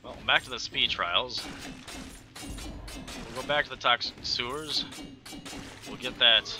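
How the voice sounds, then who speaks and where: Over music, a gaming channel host in his thirties with a light Texan accent talks at medium pitch through his headset during gameplay. His commentary is chatty, packed with quick exclamations and remarks to himself.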